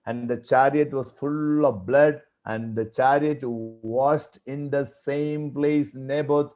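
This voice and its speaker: Man preaching, slow unhurried delivery, mellow tone, loud then hushed. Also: lo-fi sound. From India. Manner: emphatic, swings from loud exclaiming to low hushed appeals; acts out biblical voices in quotes. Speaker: guest preacher at a church youth meeting. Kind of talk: sermon.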